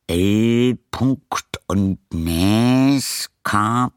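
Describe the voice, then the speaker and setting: A man voicing a puzzled male postman in a storybook reading, mumbling slowly as he works something out. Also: fairly low pitch, clear, resonant tone, no room sound, studio quality, pitched above the performer's own voice.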